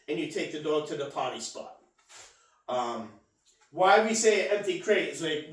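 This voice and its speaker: A man teaching puppy care in a casual, conversational way, often checking in with "all right?". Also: high-pitched. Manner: repeats "all right?" as a check-in, restarts words. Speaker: dog trainer. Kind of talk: casual instructional talk. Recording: echoey room, mic off at a distance.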